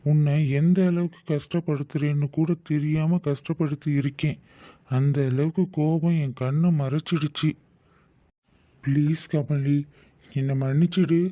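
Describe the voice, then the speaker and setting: A fairly high male voice for a doting young cartoon husband, voiced by a man. He speaks earnestly and apologetically, with a playful streak. The recording is dull, dry and lo-fi. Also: dry recording, natural voice. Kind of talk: cartoon drama dubbing.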